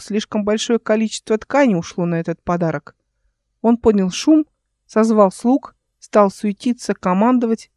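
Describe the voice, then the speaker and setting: A man reading a novel aloud as narrator, steady and expressive, close to the mic. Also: high-pitched, no echo. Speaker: audiobook narrator. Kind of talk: scripted narration.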